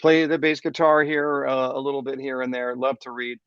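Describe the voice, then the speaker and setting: A man's voice: medium pitch, fairly even intonation, fairly quick, fairly bright tone, smooth, no echo, highs cut off. A man in his sixties, a sales trainer speaking as a guest, enthusiastic and motivational, often repeating words as he starts a thought. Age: 60s. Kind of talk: upbeat interview talk.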